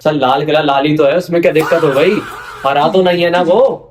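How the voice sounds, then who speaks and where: A man's voice: on the high side, brisk, noisy background. A man acting as a cocky father talking back to a teacher in a comedy sketch. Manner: cocky, lively backtalk.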